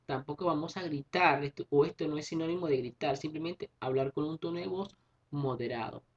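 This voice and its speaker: A male teacher talks through a class lesson in a husky, slightly rough voice. He explains patiently, circles back to rephrase his points and checks in with his students. The recording sounds dull and lo-fi. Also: a little high, brisk. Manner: explains patiently, repeats and rephrases, tag questions.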